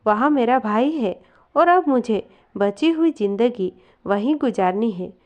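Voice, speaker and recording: A stubborn, scolding older mother-in-law, read out by a woman storyteller. She snaps in short, curt lines. The voice sits fairly high and moves up and down a lot at an unhurried pace. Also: expressive, lo-fi sound. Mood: angry, stubborn.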